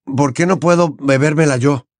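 A man's voice: a little high, normal speed, no echo, studio quality, pitched above the performer's own voice, natural voice. A male audiobook reader voicing an anxious teenage boy wizard who talks in a tense, urgent way. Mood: urgent, coaxing. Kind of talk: audiobook character voice.

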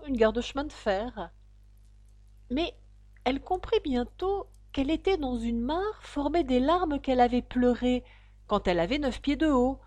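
A woman narrating a storybook aloud with expressive, storytelling delivery. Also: a little high, no room sound. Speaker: reader. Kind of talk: audiobook narration.

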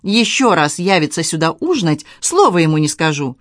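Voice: medium pitch, big pitch swings, brisk, no room sound, clean studio sound, close to an everyday voice. A reader voicing Eleanor, a tearful, impulsive young girl, in a plaintive, raised voice in a storybook reading. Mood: indignant.

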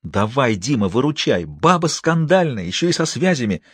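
A man voicing a hot-tempered middle-aged hospital deputy chief who shouts and bosses people around. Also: medium pitch, moderate pace, breathy edge, dry recording, clean studio sound. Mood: grumbling. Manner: shouting, excitable, bossy.

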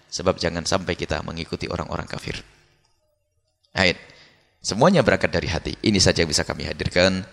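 Fast lively guy preaching, acts out prayers up high, big hall echo. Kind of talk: sermon with Quran commentary. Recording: hall reverb.

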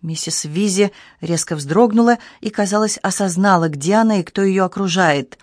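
A woman reading a mystery novel aloud as an audiobook narrator, in a measured, even storytelling manner. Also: mid-range voice, no room sound, studio quality. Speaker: audiobook reader. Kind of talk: scripted narration.

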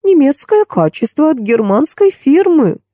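A woman's voice: on the high side, expressive, normal speed, mellow, dry recording, clean studio sound, voice pushed up. A woman voicing a fussy, soothing older nanny in an audiobook. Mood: matter-of-fact. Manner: fussing, soothing.

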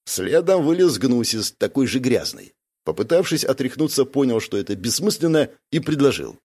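Expressive male audiobook narrator. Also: medium pitch, moderate pace, husky. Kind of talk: scripted narration.

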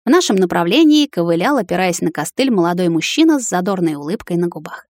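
A woman narrating a first-person fantasy romance audiobook in a quiet, even manner. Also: fairly low pitch, fast, dry recording.

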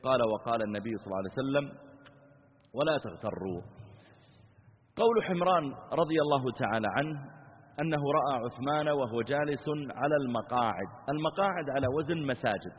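A man's voice: medium pitch, expressive, fairly quick, breathy edge. A man giving a religious lesson as a sheikh, explaining step by step and acting out people's questions. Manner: explanatory, acts out questioners, repeats phrases. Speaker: sheikh teaching hadith. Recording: tinny phone-like sound in a reverberant hall.

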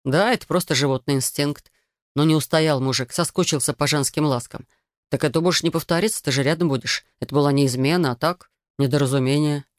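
A woman reading an audiobook voices a young man who slowly and insistently justifies himself to his fiancée. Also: low-pitched, no room sound, clean studio sound, lightly acted. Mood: dismissive.

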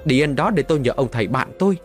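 A man's voice: mid-range voice, lively intonation, fast talker, faint music behind, close to an everyday voice. A man voicing a cautious older male grave digger in an audio storybook, speaking sternly.

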